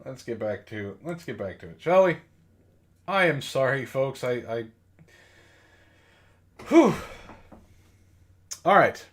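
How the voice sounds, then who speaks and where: A man with a medium-pitched, slightly bright, sing-song voice reads slowly with long pauses. He hosts a comedy book club, casually reading bad fan fiction aloud and stopping to react with amused exasperation and swearing.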